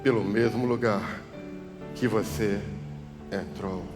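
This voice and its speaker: A male pastor with a Brazilian Portuguese accent preaching a sermon, swinging from loud cries to soft, hushed tones. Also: on the low side, fairly even intonation, slow. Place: church hall. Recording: church hall reverb with music behind.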